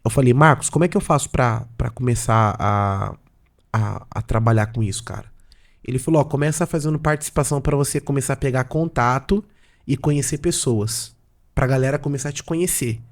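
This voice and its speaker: A Brazilian man, a pastor and businessman, telling his story as a podcast guest and acting out both sides of the conversations in lively slang. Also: mid-range voice, fairly quick. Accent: Brazilian Portuguese. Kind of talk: animated storytelling with quoted dialogue.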